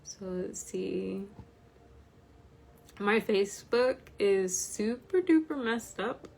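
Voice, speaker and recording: A tired-sounding woman with a slightly croaky voice, talking informally and haltingly as she hosts an online study group. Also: mid-range voice, animated, darkish tone, a little hiss or hum. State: tired from medication. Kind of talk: informal livestream talk.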